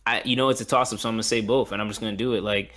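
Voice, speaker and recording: A man's voice: on the low side, fairly even intonation, very fast, fairly bright tone. A man co-hosting a casual film chat, talking in an informal, slangy way with some swearing. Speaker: podcast co-host.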